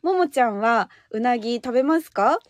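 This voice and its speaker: Very high, animated woman radio host. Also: normal speed, no room sound, studio quality. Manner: animated, polite, often laughing. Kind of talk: casual chat between co-hosts.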